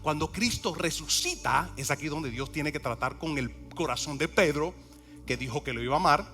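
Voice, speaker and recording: Pastor guy preaching hard, voice jumps all over, bright and forceful, bit of music under it. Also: on the high side, expressive, moderate pace. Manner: emphatic preaching, repeats key words, asks the congregation questions. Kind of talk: sermon.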